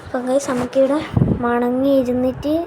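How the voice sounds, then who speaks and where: A woman's voice: high voice, flat delivery, moderate pace. A woman with a Malayali accent giving casual gameplay commentary as a video host, mixing English gaming words into Malayalam. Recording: noisy game audio with gunfire. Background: video game gunfire and ambience.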